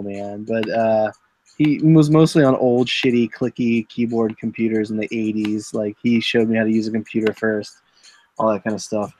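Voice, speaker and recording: A man's voice: medium pitch, a little mellow. A man in his thirties hosting a live online selling stream, chatting casually and rambling through a long childhood story with lots of fillers and restarts. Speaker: host of a live eBay listing stream.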